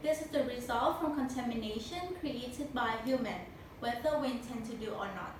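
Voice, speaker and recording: A woman's voice: a little high, normal speed. Echoey, stiffly recited young Thai-accented woman. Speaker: speech contestant. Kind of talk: memorized competition speech. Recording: very echoey room, distant mic, noisy.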